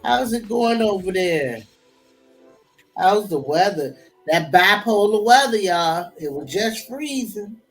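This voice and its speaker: A woman's voice: mid-range voice, slow, slightly rough, soft background music, low-quality recording. A woman hosting a crafting livestream, chatting casually and talking to her viewers as she works. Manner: relaxed, chatty, talks to viewers. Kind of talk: casual chat while crafting.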